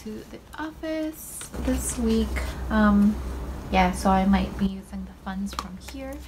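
Seated at an indoor desk, a young woman from Malaysia counts cash for her budgeting channel, an overhead camera capturing her hands and desk. She speaks at a medium pitch, slow and laid-back, sprinkling in plenty of ums and likes, with background noise audible.

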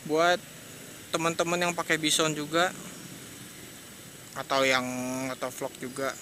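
A young motovlogger with a Jakarta Indonesian accent rambles while riding his motorbike at night, slangy, chatty and hesitant, laughing often. His slightly high voice is steady, unhurried, pushed and bright, picked up by an external mic on a helmet action cam amid traffic and engine noise.

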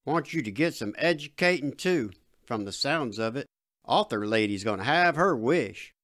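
A man reading the part of a gruff but proud middle-aged redneck father with a drawl. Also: medium pitch, expressive, normal speed, a bit bright, no room sound, clean studio sound, natural voice. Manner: drawling dialect.

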